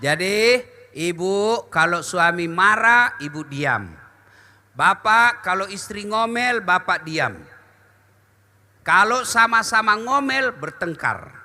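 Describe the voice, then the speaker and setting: A man's voice: high-pitched, slow pace. A middle-aged man preaching a humorous sermon, joking and acting out little scenes for the crowd. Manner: jokey, animated, with sung verses and acted quotes.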